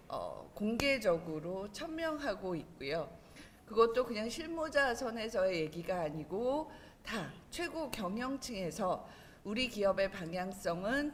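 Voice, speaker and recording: Female conference speaker, formal presentation style, mid-range voice in an echoing hall with faint noise. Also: mid-range voice. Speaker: presenter, education consulting company head. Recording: roomy hall with long reverb, faint noise.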